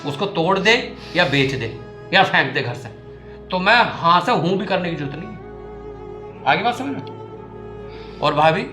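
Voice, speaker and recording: A man plays a young husband in a family comedy skit who talks in a fairly high voice. He scolds and lectures insistently, standing loyally by his elder brother. Soft music plays faintly underneath. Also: moderate pace, pauses often. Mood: stern. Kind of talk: scripted family comedy scene.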